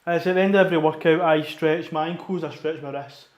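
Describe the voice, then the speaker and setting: A man's voice: on the high side, fairly even intonation, quick pace. A man chatting casually in a workout vlog, plain-spoken and a bit self-deprecating. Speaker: fitness vlogger. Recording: echoey room.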